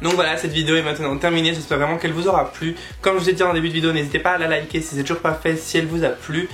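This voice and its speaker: A man's voice: on the high side, steady tone, very fast, music in the background. A man chatting through a makeup tutorial as a voice-over, tired and often tripping over his words and correcting himself. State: tired late at night. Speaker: makeup vlogger.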